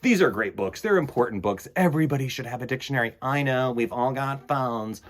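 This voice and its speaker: A man gives an animated read-aloud and chat for children, dramatic and emphatic, moving between loud bursts and quiet asides. His voice sits at medium pitch, expressive and a little fast.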